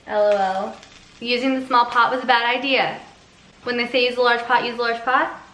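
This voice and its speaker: Cooking and sampling dishes in her home kitchen for her vlog, this woman keeps things chatty and loose, with plenty of "um" and "like." She sounds a little high and sharp. The recording is low-quality and echoey, with a little hiss or hum.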